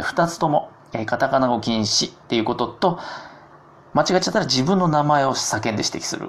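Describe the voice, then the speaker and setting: A man with a lowish voice hosts his own solo talk show in a chatty, self-mocking way. His pitch swings widely as he throws in jokey asides. The delivery stays casual and conversational. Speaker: podcast host.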